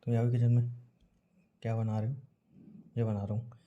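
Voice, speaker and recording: A man's voice: medium pitch, little pitch movement, moderate pace, narrow, tinny audio. A young man teasing his girlfriend in a casual phone chat. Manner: playful teasing, acts out others in quotes. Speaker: boyfriend on a phone call.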